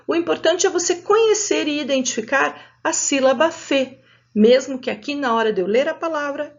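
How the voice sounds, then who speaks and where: A woman teacher with a Brazilian Portuguese accent, giving an adult literacy lesson slowly and patiently and sounding out each syllable. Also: high-pitched, lo-fi sound.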